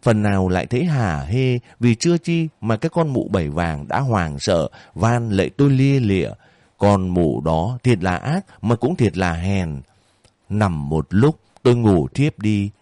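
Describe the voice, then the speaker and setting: A man narrating a first-person story for an audiobook channel in a steady, measured way. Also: on the low side, dry recording.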